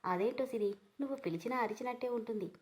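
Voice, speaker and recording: A woman doing a young husband in a storybook reading, cool and teasing, just talks plain and steady. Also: fairly high pitch, fast talker, natural voice. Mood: mocking. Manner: cool, mocking.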